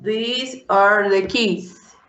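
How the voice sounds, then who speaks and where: Very slow, hesitant woman with a Brazilian Portuguese accent. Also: medium pitch, fairly even intonation, a bit bright, roomy sound, poor audio. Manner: hesitant, restarting words, careful imitation. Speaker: student. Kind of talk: repeating drills in a private lesson.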